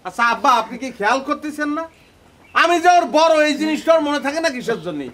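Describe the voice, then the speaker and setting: A man's voice: very high-pitched, expressive, quick pace, a bit bright. An actor playing a lazy, sleepy grown son in a comedy drama, who complains defensively to his father. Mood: complaining.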